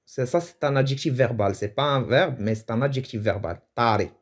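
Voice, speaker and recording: A man's voice: mid-range voice, a little fast. Man teaching, hesitant and chatty. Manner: hesitant, thinks aloud with restarts and chuckles. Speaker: Moroccan Arabic teacher. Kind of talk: casual explanatory lesson.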